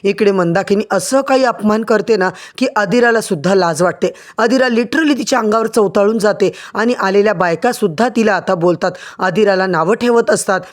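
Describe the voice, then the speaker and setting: A man's voice: high voice, normal speed, hardly any pauses. A man narrating a dramatic soap opera recap and addressing the viewers directly.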